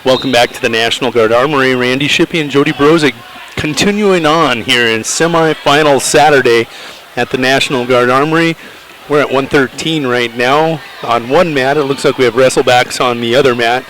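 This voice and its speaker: Male play-by-play announcer for wrestling, middle-pitched voice, chatty and upbeat. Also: brisk, fairly bright tone, slight background noise, poor audio. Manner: upbeat, chatty, laughs easily. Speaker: wrestling commentator. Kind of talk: play-by-play commentary.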